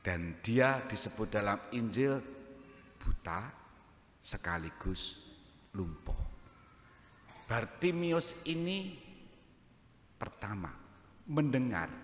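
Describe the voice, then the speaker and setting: Javanese-accented priest in an echoey church. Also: male voice, fairly low pitch, fairly bright tone. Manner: joking, conversational preaching mixed with local phrases. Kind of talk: homily.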